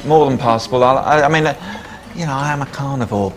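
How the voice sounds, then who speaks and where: A man's voice: medium pitch, fast. A man tasting a dish on a cooking show, giving his verdict hesitantly with stumbles. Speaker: taster guest. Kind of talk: casual chat.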